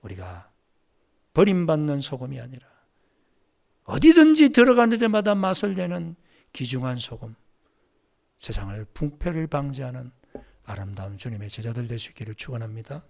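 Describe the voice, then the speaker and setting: A man preaching a sermon as pastor at a church service, telling stories in an animated way and acting out the dialogue. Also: mid-range voice, moderate pace, vocal fry, long pauses.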